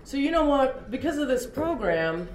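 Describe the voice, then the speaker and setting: A woman's voice: high voice, sing-song, moderate pace. A middle-aged woman from Oklahoma giving a candid, self-deprecating personal testimony as a recovery meeting speaker. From Oklahoma, USA. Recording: roomy echoey room.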